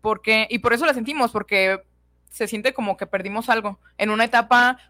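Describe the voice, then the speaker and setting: A young adult woman, a psychologist calmly explaining emotions in a casual radio chat. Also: on the high side, dry recording. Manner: calm, explanatory, measured. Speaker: psychologist co-host.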